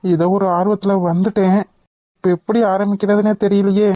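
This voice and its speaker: A woman's voice: mid-range voice, level tone, normal speed, mellow, no echo, clean studio sound, lightly acted. A woman voicing a bumbling young husband in a cartoon, flustered and muttering to himself as he tries to win back his wife. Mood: fretful. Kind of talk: cartoon voice acting.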